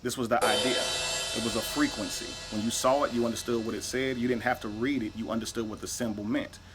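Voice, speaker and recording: A man's voice: medium pitch, fairly even intonation, fast, loud music behind the voice. A man giving an emphatic lecture-style monologue, spelling words out letter by letter and asking "right?" often. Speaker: video speaker.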